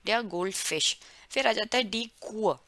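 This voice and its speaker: A woman explains German words to learners, stretching each word out and repeating it for pronunciation. Her voice is bright and crisp, and she speaks slowly. The sound is close and dry, with no room around it. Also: medium pitch, expressive, no echo. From India. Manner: drawn-out, careful word-by-word pronunciation drills. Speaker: German language teacher. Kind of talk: explaining vocabulary to learners, mixing Hindi and English.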